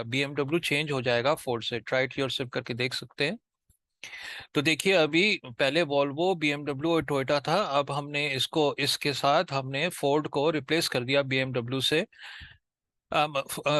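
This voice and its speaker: An informal programming tutorial comes from a man with an Indian accent who goes step by step, haltingly repeating himself and using English technical terms. His voice is high-ish and a bit bright, with no echo.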